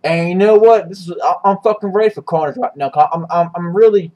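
A man's voice: high-pitched, fast, lo-fi sound. Rambling, foul-mouthed man recapping a comic. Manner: rambling, swearing, many restarts. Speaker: manga reviewer. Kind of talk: casual profane recap.

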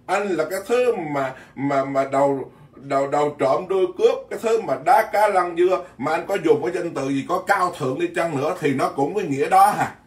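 A Buddhist monk gives a blunt, folksy dharma talk, often repeating words as he goes. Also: a little high. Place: temple hall in Virginia. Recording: echoey hall, mic at a distance.

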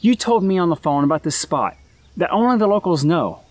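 A man's voice: high voice, lively intonation, fairly quick, dry recording. A skeptical, incredulous man. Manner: incredulous, questioning. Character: Tim, a skeptical man hearing a ghost. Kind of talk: film drama.

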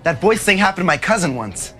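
A man's voice: high voice, sing-song, fast, bright, forceful tone, exaggerated voice. A young man playing a goofy, self-assured teenage buddy in a TV comedy, breezy and earnestly silly. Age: young adult. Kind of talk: TV teen comedy acting.

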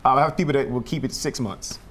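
A man in his thirties, a barber guest on a TV studio set, talking in a relaxed way with lots of "yeah, yeah" and "for sure". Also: medium pitch, brisk. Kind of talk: casual TV interview.

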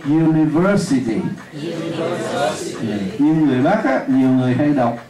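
Man, Northern Vietnamese accent, pronunciation teacher drilling a class; mellow tone, distant mic in an echoey room. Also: medium pitch, fairly even intonation. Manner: drills students, repeats words slowly for them to echo. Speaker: English teacher.

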